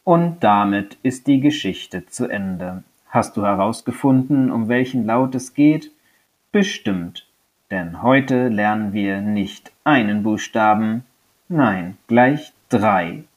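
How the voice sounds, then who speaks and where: Slow, gentle male teacher. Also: on the low side, animated. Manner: gentle, slow, addressing a young child directly. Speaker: primary school teacher. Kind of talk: remote lesson with read-aloud story.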